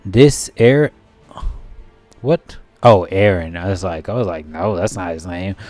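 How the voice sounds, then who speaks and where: A man's voice: low voice, unhurried, darkish tone, no room sound, soft background music. A man giving casual let's-play commentary, thinking aloud and reading game text as he plays. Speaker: gameplay commentator.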